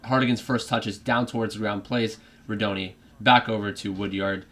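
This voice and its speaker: Guy w a put-on british accent calling a football match live, kinda low voice, rambling and going off topic. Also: fairly even intonation, brisk, a bit bright. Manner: rambling, many fillers and restarts, drifts off topic. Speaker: fan streaming a live match reaction. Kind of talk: live football reaction commentary.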